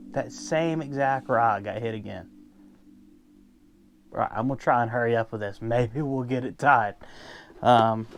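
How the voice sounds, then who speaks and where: A man talking casually to viewers from his boat, explaining step by step how he ties a fishing rig, with plenty of ums and restarts. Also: mid-range voice. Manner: chatty, lots of ums and restarts, addresses viewers as guys. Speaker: fishing vlogger. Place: on a boat on a river. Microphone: first-person camera.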